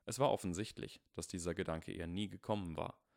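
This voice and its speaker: A man calmly narrating a story as an audiobook reader. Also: low voice, fairly quick, creaky, no room sound, studio quality.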